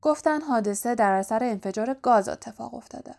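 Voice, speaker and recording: A woman voicing Ernie, a gloomy, low-spoken older male bus driver who mutters. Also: vocal fry, darkish tone. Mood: grim.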